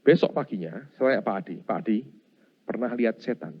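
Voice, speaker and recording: Delivering his sermon fast and with a lowish voice, this middle-aged pastor dramatizes scenes and keeps calling his listeners "Saudara." It's an animated performance on a dull, lo-fi recording.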